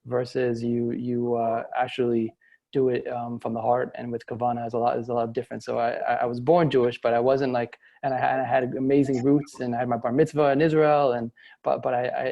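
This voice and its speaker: A man's voice: medium pitch, completely flat delivery, fairly quick, gravelly, dark tone. A man from Miami talking as a guest over a video call, hesitant and full of restarts. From Miami, United States. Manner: hesitant, many fillers and restarts. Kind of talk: casual interview talk. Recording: muffled lo-fi call audio.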